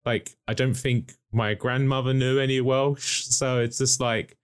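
A man from the UK in casual podcast chat, his pitch sitting in the middle. He tells stories with a joking edge, laughs easily and swears offhandedly. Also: steady tone, unhurried, clear, resonant tone. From United Kingdom.

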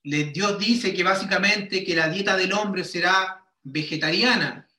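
Slow, bright-voiced preacher man, roomy echo. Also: high-pitched. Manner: measured, often asks "¿cierto?" to check the listener. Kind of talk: sermon teaching.

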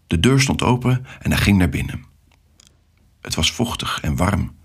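A man narrating a children's story with an expressive, animated reading. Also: deep voice, normal speed, vocal fry, husky.

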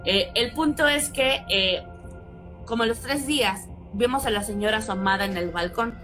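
A woman with a Mexican accent telling a personal story in casual chat, acting out quotes with sudden high exclamations. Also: moderate pace, a bit bright. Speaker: guest storyteller. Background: background music.

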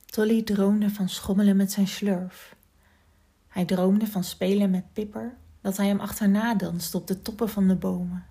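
Gentle, slightly gravelly woman storyteller. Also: medium pitch, unhurried. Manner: gentle, expressive storytelling, sometimes dropping to a whisper. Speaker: storyteller and podcast host. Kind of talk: children's story narration.

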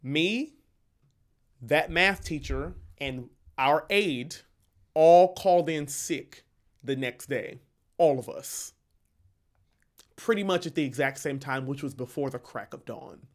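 A man chats casually about his work as a teacher and swears freely. His voice sits a little high for a man. He talks in lively bursts and laughs often as he tells his stories. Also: takes it slowly, long pauses. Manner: animated, profane, laughs through his stories. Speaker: teacher and podcast co-host. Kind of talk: casual storytelling chat.

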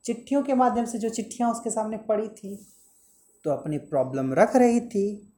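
A woman's voice: mid-range voice, normal speed, mellow. A woman teacher reading a story aloud and explaining it, stopping to ask and answer her own questions and to explain word meanings, with English words mixed in.

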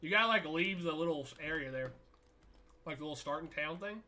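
A man talking like a hyped gamer bro on a casual game stream, animated, exclaiming, slangy and profane. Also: a little high, a little fast. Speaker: game livestreamer and podcaster. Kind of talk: casual gaming stream chat.

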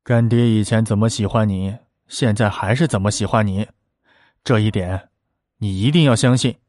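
A man voicing a powerful, calculating minister in a spoken story, stern and measured. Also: mid-range voice, darkish tone, no room sound, studio quality, natural voice.

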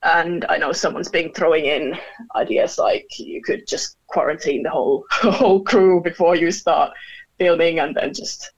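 A woman's voice: low voice, normal speed, husky. Woman, from Finland, Finnish native, casual chat, frequent laughs, dull call audio. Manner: laughs often, hesitant with fillers. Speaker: guest. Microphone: video call.

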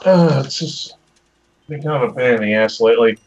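A man's voice: medium pitch, moderate pace, dull audio, crowd noise. A man co-hosting a casual chat on a headset, his voice hollow and tunnel-like, like a speakerphone. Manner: laid-back, rambling storytelling. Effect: hollow, tunnel-like sound like a speakerphone.

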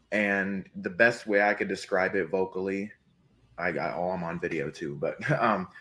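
Low-voiced young man, rambling and joking. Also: bright, forceful tone. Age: 20s. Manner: rambling, joking, self-deprecating. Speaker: podcast guest. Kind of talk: casual podcast chat.

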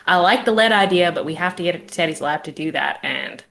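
A woman's voice: fairly low pitch, fast, vocal fry, a bit bright. A woman playing a tabletop role-playing game, talking casually in character, laughing often and hedging with fillers.

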